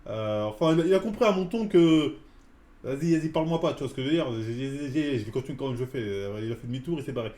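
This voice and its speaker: A man's voice: mid-range voice, animated, quick pace, dark tone. A man in his forties ranting in casual slang on a live stream about a run-in at the gym. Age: 40s. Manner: slangy, heated street-style talk. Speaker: fitness streamer. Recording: echoey room.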